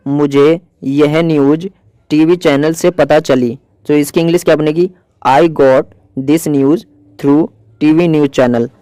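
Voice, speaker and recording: English grammar teacher, man, slightly high mellow voice, dry close recording, patient. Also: no room sound, poor audio. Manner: explains patiently, repeating example sentences slowly. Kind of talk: Hindi grammar lesson with English examples.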